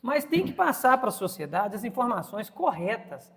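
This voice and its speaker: A man's voice: high-pitched, big pitch swings, moderate pace, a bit bright, in a large hall. A Brazilian man in his fifties hosting a casual interview, opinionated and often repeating words as he searches for them. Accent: Brazilian Portuguese. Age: 50s. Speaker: podcast host and interviewer.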